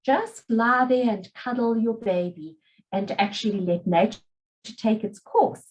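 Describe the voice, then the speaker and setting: A woman with a mellow, warm tone gives advice in a childbirth webinar. She speaks in a calm, reassuring way and urges new mothers to relax. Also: a little high, a little slow, dull audio. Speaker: childbirth educator. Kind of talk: webinar presentation.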